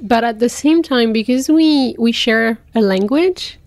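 A thoughtful French woman, a teacher whose first language is French, reflects in a personal interview, searching for words as she goes. Her voice is a little high and darkish, at a measured pace, in a dry recording.

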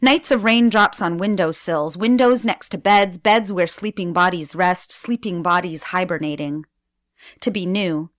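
A woman guest performing spoken-word poetry on radio, with slow, deliberate delivery and dramatic pauses. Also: fairly low pitch, dry recording, clean studio sound. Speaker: guest poet.

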